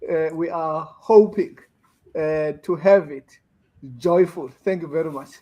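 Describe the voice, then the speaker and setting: A man, a fellow coach, giving quick polite greetings in a casual interview with many fillers. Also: fairly high pitch, mellow, dull audio. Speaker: co-guest coach.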